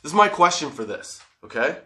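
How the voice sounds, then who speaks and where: A man's voice: a little high, sing-song, brisk, bright, forceful tone. A man hosting a casual, comedic solo podcast, stoned and rambling, giggly, drawing out the odd word. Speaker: podcast host.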